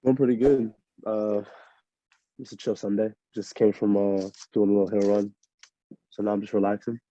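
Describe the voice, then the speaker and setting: A young man from Miami, a fighter answering interview questions in a relaxed, rambling way full of fillers. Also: fairly low pitch, normal speed. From Miami, USA. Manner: laid-back, rambling with many fillers. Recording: muffled lo-fi audio.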